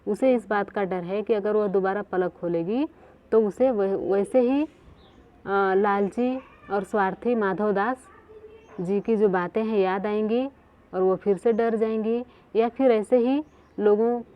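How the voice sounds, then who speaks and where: A woman's voice: medium pitch, measured pace. A woman teacher reads a Hindi lesson aloud and then explains each line again in simpler words. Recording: tinny phone-like recording.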